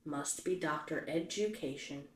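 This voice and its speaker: A low, unhurried caretaker of a ghost town, played by a woman greets her ghosts with patient, dry calm. Puppet stage play. The voice sits in a roomy echo. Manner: mild, patient, gently dry hosting.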